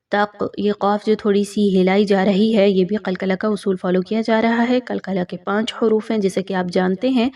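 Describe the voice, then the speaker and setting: Female tajweed teacher, patient explainer, mid-pitched voice, a little distant from the mic. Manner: explains patiently, then recites slowly and louder. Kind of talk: recitation lesson with explanations.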